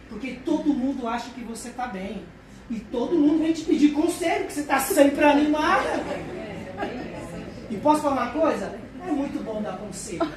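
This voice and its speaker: A woman with a Brazilian accent giving a humorous motivational talk to an audience. She is chatty and animated and acts out voices. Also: on the high side. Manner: chatty, tags lines with "né". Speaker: lecturer. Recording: echoey, mic far off, background noise.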